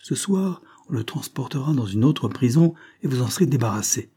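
This is a shrewd, orderly police agent in a spoken storybook, voiced by a man reading. He talks in a cool, lecturing way. His voice is mellow and a little husky. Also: mid-range voice, expressive, moderate pace, pitched above the performer's own voice. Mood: calm, explaining.

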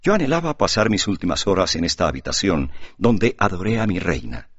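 A man's voice: low-pitched, big pitch swings, a little fast, a bit bright, husky, dull audio, exaggerated voice. A man reading an audiobook, voicing a passionate, jealous young nobleman who bursts out in breathless exclamations. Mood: effusive.

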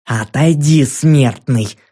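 A man voicing a huge, vain fiery female giant who roars slow threats, in an audiobook reading. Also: mid-range voice, mellow, breathy edge. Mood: menacing.

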